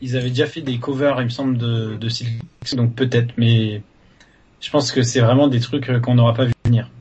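A man co-hosting a gaming podcast, relaxed and thinking aloud as he chats. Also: mid-range voice, a little fast, slightly rough, dull audio. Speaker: podcast co-host. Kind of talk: casual gaming chat.

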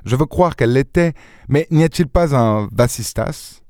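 A man reading an audiobook, voicing a calm, self-assured gentleman detective who explains his reasoning in a slightly lecturing tone. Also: mid-range voice, moderate pace, dry recording, clean studio sound, voice pushed up, natural voice.

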